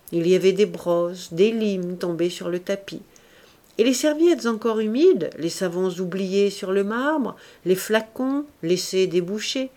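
Lady reading an old novel out loud, steady and clear, mid pitch. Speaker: audiobook narrator. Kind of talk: scripted narration.

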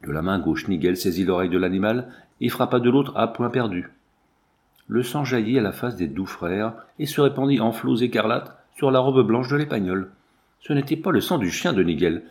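A man narrating a novel in a steady, measured reading voice. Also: on the low side. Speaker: audiobook reader. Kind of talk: scripted narration.

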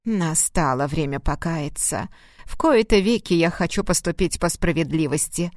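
A woman reading an audiobook, voicing a stern, weary dying mother in a low, hoarse, breathless voice. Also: normal speed, a little mellow, no room sound, studio quality, lightly acted. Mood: firm. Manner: firm, cutting, dismissive.

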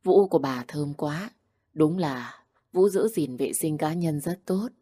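A woman voicing a gentle, loving old grandmother who speaks softly and tenderly. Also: sits low, measured pace, slightly rough, no echo, clean studio sound. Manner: soft and tender.

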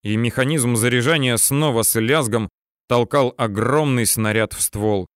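A man narrating a war novel as an audiobook in a steady, tense storytelling manner. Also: medium pitch, moderate pace, clean tone, no room sound, clean studio sound.

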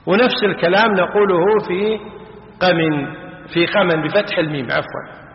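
Man, grammar teacher, high-pitched voice, quizzing questions, long hall reverb. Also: brisk, vocal fry. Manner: drills examples, quizzing students with questions. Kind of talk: classical Arabic grammar lesson. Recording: echoey hall, dull lo-fi sound.

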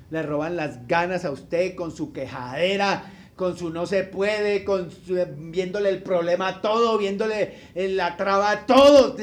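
A man preaching a sermon as a pastor, speaking to his listeners directly, repeating his points and swinging from loud bursts to quiet asides. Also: high-pitched. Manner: repetitive, addresses listeners directly as brother.

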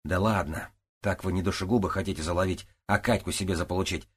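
A male audiobook narrator voices a wry, sly ex-convict husband in a storybook. His ironic, mocking remarks come in a low, husky voice. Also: fairly even intonation, fast.

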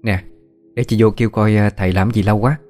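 A bustling, talkative middle-aged woman who rattles on quickly, as a male storyteller puts her on. She sounds eager and chatty, with faint music behind her. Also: lowish voice, steady tone, darkish tone, natural voice.

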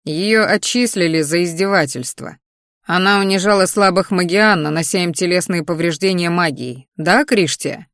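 A woman's voice: on the low side, moderate pace, a bit bright, no room sound, studio quality. A woman voicing a stern young male mage who talks to his family in a growling, sarcastic way.

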